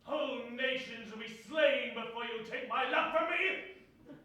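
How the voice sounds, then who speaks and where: A hammy young stage lover, declaims pompously in farce style. The voice is very high-pitched, heard from afar in a very echoey space. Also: male voice, measured pace, pushed and bright, exaggerated voice. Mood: grandiose defiance. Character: lovestruck, pompous young would-be actor. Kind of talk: theatrical farce acting. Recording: echoey stage, distant mic.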